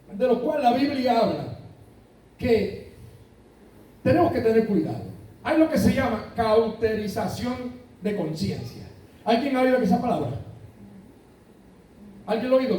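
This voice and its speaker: A man's voice: high voice, big pitch swings, normal speed, pauses often, dark tone, a little hiss or hum. A man with a Puerto Rican accent preaching a sermon, asking the congregation questions and telling anecdotes. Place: church sanctuary. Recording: echoey church from far off.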